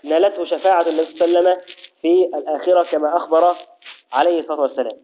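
A man teaching a religious lesson, explaining step by step, reciting formulas slowly and often checking that his students follow. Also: a little high, fairly even intonation. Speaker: Islamic jurisprudence teacher. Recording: tinny phone-like audio.

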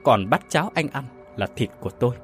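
A man's voice: mid-range voice, animated, fast, faint music behind, lightly acted. A man voicing a bashful young female ghost in a horror story, who speaks shyly and snaps back. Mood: sad. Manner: bashful, then snapping. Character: shy young female ghost, sulky and gentle.

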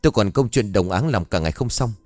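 A man playing a blunt, gruff older village man who is quick to dismiss things. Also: medium pitch, big pitch swings, a little mellow, no echo. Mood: dismissive.

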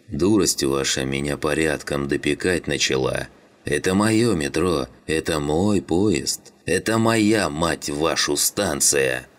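A man voicing a gruff middle-aged train driver who lays down the law. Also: very deep voice. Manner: gruff, bossy, threatening.

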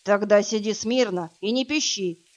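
A woman's voice: mid-range voice, moderate pace, natural voice. A coarse, bossy thug, as a woman reads him. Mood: gruff. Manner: rough, coarse and threatening. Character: burly crude male thug, bossy and mocking. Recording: dull lo-fi audiobook, faint music.

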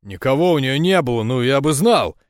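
A man's voice: medium pitch, animated, no room sound, clean studio sound, voice pushed up, lightly acted. A man voicing a flustered nervous henchman. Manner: hurried, defensive, stammering. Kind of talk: audiobook dialogue.

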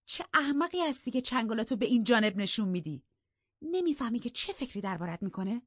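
A woman voicing a teasing, mischievous young lady of the house in an audiobook, loud and mocking. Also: on the high side, husky, no echo, dull audio, voice pushed up, full character voice. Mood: scornful. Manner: lively, mocking, raising her voice. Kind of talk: audiobook character voice.

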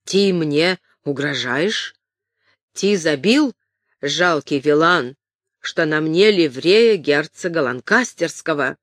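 A reader voicing a hot-headed, boastful Gascon swordsman who makes slow, menacing threats. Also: mid-range voice, animated, a bit bright, no room sound, studio quality.

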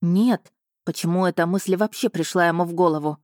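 A woman playing a defiant, sharp-tongued young noble bride with terse retorts. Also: on the low side, brisk, no echo, clean studio sound, close to an everyday voice.

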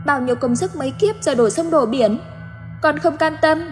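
A woman's voice: high-pitched, animated, moderate pace, a little mellow, in a large hall, soft background music, pitched above the performer's own voice. A woman voicing the ghost of a drowned young boy, speaking in a tearful, stammering lament. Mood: tearful wailing.

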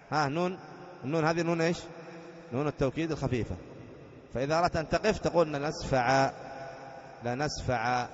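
A man teaching a grammar lesson, explaining patiently, quizzing students with rhetorical questions, and chanting the text slowly when reading it aloud. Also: on the high side. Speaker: sheikh teaching Arabic grammar. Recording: dull lo-fi lecture recording in a reverberant hall.

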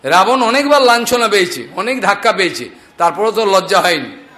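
A man telling scripture stories as a devotional preacher, animated and acting out the characters' speech. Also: high voice, brisk. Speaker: Bhagavata storyteller preacher.

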